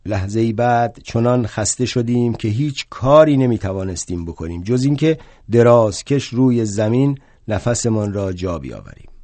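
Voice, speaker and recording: With a lowish, natural-sounding voice on a dry recording, an older man performs a one-man play as an indignant, proud aging revolutionary thinker. He tells his story wryly, flaring at times into angry shouts.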